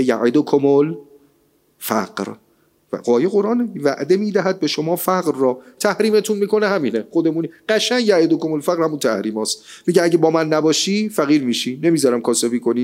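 A man giving a lively, colloquial sermon, asking rhetorical questions and reciting scripture. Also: on the high side. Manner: rhetorical, animated, quotes scripture. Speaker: religious speaker.

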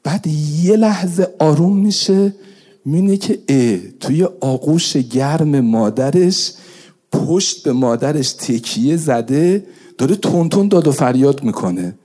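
A man delivering a religious sermon, moving between quiet, intimate pleading and raised, fervent calls. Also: on the high side, expressive. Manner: swings from hushed intimate pleading to raised cries. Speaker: preacher.

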